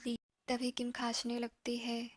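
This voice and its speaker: A woman's voice: on the high side, completely flat delivery, unhurried, no room sound. A woman casually narrating a love story, voicing the characters' lines and often slipping into an unvoiced whisper. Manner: chatty, asides to listener.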